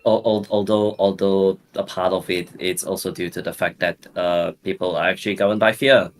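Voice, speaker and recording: A man's voice: low-pitched, fairly even intonation, normal speed, faint music behind. A man from Singapore, calling in as a guest and talking thoughtfully in casual chat. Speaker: guest caller.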